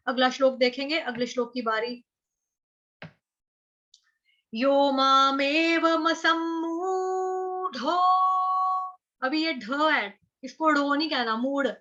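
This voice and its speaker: A woman teaching Sanskrit verse recitation in an online class, breaking words into syllables and repeating them slowly. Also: high-pitched, sharp tone, muffled recording. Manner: slow syllable-by-syllable chanting with repeated drills. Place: online class over video call.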